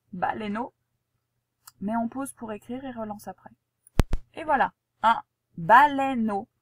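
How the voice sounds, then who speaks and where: A woman teacher with a slightly high, a little mellow and husky voice gives a young pupil a spelling lesson and dictation, articulating carefully, spelling out letters, and asking patient questions. There's no room sound.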